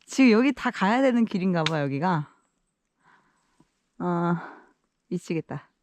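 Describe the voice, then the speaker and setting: Walking carefully through an icy valley, a woman vlogging a solo backpacking trip chats casually with viewers and mutters nervously to herself. Her voice sits on the low side with a darkish tone and lively intonation, unhurried, and there's no room sound.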